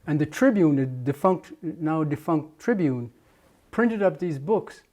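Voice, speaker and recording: A man's voice: on the high side, expressive, a little slow, a little mellow. An older man from Jamaica, a muralist, recalling his past at length in an oral history interview, with many restarts and fillers.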